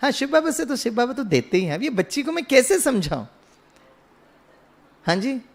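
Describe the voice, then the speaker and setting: A man's voice: extremely high pitch, big pitch swings, moderate pace, vocal fry. A man giving a spiritual talk, telling a story and asking the audience questions, slipping English phrases into his speech. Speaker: spiritual speaker.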